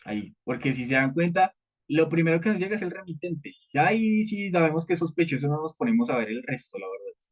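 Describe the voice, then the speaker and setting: A man's voice: fairly high pitch, sing-song, quick pace. A man leading a live cybersecurity training, explaining at a conversational pace and often checking in with the group. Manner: conversational teaching, frequent "¿listo?" checks, repeated fillers. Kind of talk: live training session with participants. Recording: dull lo-fi audio.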